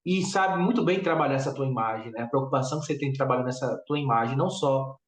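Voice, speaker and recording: A man with a Brazilian Portuguese accent hosting a podcast interview, talkative and animated with many fillers. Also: medium pitch, fast talker, reverberant, recorded from a distance. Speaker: podcast host.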